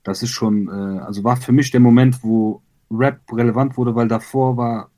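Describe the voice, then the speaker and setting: A man from Iran, a rapper being interviewed, talking reflectively with many pauses, fillers and repeated words. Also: medium pitch, fairly even intonation, mellow. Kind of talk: conversational interview.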